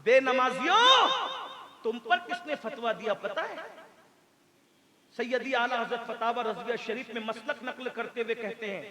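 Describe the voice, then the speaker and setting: A man preaching a fiery religious speech to a gathering, building rhythmic refrains and dropping to hushed warnings. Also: very high voice, normal speed. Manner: impassioned, rhythmic repeated refrains, swings between shouting and hushed. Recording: live outdoor gathering, crowd noise. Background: crowd.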